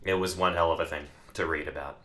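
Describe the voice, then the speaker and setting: Young male podcast co-host: low, forceful voice, lively and direct with the audience. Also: quick pace. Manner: animated, addresses viewers directly. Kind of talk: casual discussion.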